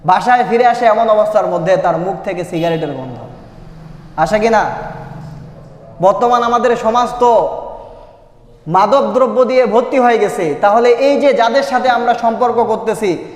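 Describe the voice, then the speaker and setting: An older man preaching a sermon, asking the crowd rhetorical questions and chanting verses in a slow melody. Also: high-pitched. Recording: echoey hall, sound from a distance.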